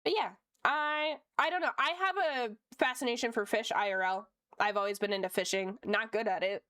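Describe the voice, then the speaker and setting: A woman chats with her stream audience in a relaxed, rambling way, laughing often. Her voice sits a little high and sounds smooth and clear. The sound is dry and close, on a desk mic at home. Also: normal speed, no room sound. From Canada (Ontario). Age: late 20s. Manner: chatty and upbeat, laughs often, lots of fillers. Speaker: streamer and VTuber. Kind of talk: casual chat while drawing on stream. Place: home room.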